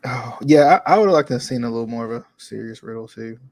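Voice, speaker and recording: Gravelly podcast host man. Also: medium pitch, animated, quick pace, a little mellow. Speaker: podcast host moderating topics. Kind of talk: casual wrestling review chat.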